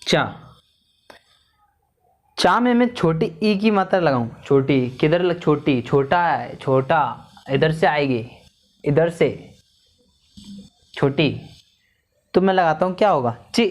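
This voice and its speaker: Slow, patient man sounding out syllables. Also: a little high, lively intonation. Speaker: Hindi teacher. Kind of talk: teaching lesson on vowel signs.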